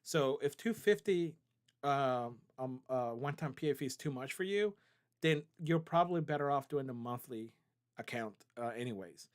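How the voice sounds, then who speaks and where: A man's voice: medium pitch, lively intonation, normal speed, clear, resonant tone. A man hosting a live stream, answering viewers' chat questions in a loose, conversational way, often checking in with "right?" and "okay?". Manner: loose, with many fillers and restarts. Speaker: trading company CEO hosting a live stream.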